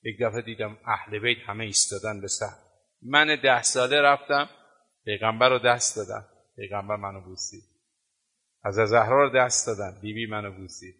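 A man's voice: fairly low pitch, sharp tone. A man preaching a sermon, telling stories and driving points home with emphatic, rhythmic repetition. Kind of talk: sermon with storytelling. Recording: long reverb of a hall.

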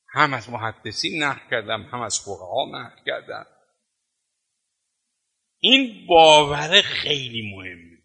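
A man's voice: mid-range voice, vocal fry, sharp tone. A man preaching a sermon, telling stories and driving points home with emphatic, rhythmic repetition. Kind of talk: sermon with storytelling. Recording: long reverb of a hall.

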